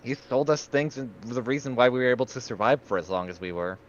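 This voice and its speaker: A man's voice: medium pitch, lively intonation, fast. A man playing a tabletop game, bantering casually and reacting with exclamations and swearing, on a dull, slightly lo-fi track.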